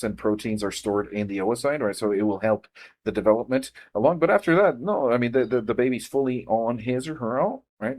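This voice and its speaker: A man giving an unscripted lecture over slides, halting with many fillers and restarts, often checking in with "right?", turning emphatic and indignant. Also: lowish voice. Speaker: presenter explaining embryology.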